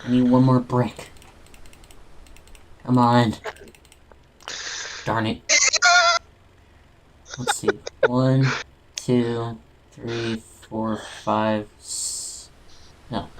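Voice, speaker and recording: A man's voice: medium pitch, level tone, extremely slow, long pauses, a little mellow, rough recording. A man hosting his own gaming stream, chatting casually and muttering to himself while he plays. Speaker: game streamer host.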